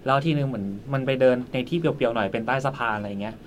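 A man co-hosting a podcast, telling a travel anecdote in a quick, animated way, sitting a little off the mic. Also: mid-range voice, noisy background. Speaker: podcast co-host. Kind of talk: casual chat.

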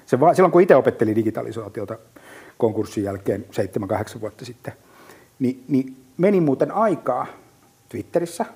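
A man's voice: mid-range voice, gravelly, breathy edge. A middle-aged man talking casually and vividly, full of fillers and restarts. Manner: lively storyteller with many fillers and restarts. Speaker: business guest. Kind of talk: casual podcast chat.

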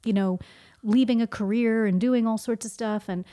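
This podcast guest is a woman whose voice is fairly high and dark-toned, with fairly even intonation and a moderate pace. In a reflective way, she poses her own questions and answers them.

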